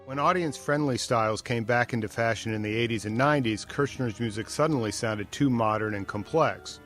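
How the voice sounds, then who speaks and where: A man reading scripted narration for a news feature in a measured, even way. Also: mid-range voice, soft background music.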